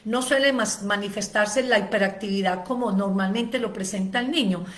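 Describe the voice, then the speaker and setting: A woman with a medium-pitched voice at normal speed delivers a seminar on ADHD as an educator. She explains at length, using frequent "eh" fillers and long lists.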